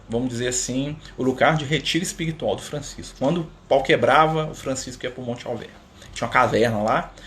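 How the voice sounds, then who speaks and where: A man's voice: mid-range voice, slight background noise. Man retelling a story, conversational. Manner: conversational, frequent tag questions, animated retelling. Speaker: study leader. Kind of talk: storytelling in a live religious study.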